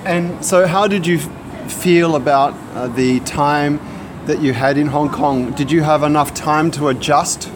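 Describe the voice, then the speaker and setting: Higher-pitched male interviewer, noisy surroundings. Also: fairly even intonation, measured pace. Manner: patient, rephrases questions simply. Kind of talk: conversational interview questions.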